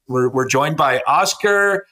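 Bright upbeat man hosting a podcast. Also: fairly high pitch, slow, slight background noise. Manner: upbeat, teasing, reads guest bio. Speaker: podcast host.

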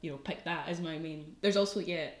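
A brisk, low-pitched young woman with a slight Scottish accent guests on a podcast as a student. The chat is casual, full of laughs and filler words, with a roomy quality to the sound.

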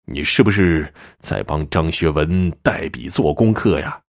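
A man voicing a young male ghost scholar who speaks softly with calm amusement. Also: very deep voice, measured pace, vocal fry, full character voice. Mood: stern. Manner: soft, hushed and amused.

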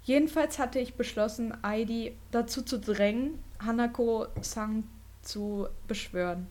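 A woman's voice: on the high side, a little slow, darkish tone. A woman podcast host reading a ghost story aloud in a dramatic storytelling manner.

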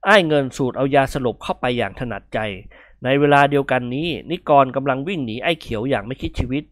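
A man narrating a comic story aloud in a lively, expressive reading. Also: mid-range voice, quick pace, no echo, clean studio sound.

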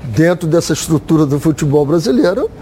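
Mellow, high-pitched Brazilian football pundit man. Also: animated, fairly quick, a little hiss or hum. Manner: repeats phrases for emphasis. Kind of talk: opinionated panel talk.

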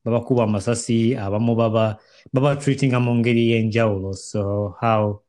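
A man's voice: mid-range voice, steady tone, a little fast, a little mellow. A man with a Ugandan East African accent hosting a conversational talk show.

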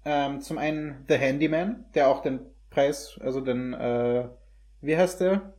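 A young man hosting a casual film discussion speaks in a mid-range, darkish voice at a measured pace. His delivery is hesitant, as if searching for words, and he sprinkles in English slang throughout the conversational review.

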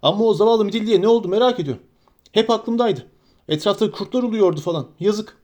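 Guy doing humble earnest hobbit, soft-hearted, higher and a bit quick. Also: lightly acted. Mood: wistful. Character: humble, loyal young male hobbit. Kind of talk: audiobook character voice.

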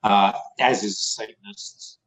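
A man's voice: lowish voice, steady tone, a little slow, fairly bright tone, poor audio. A middle-aged man, the host's father, joining a casual podcast chat and speaking in a plain, teasing way. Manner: joking, teasing, plain-spoken.

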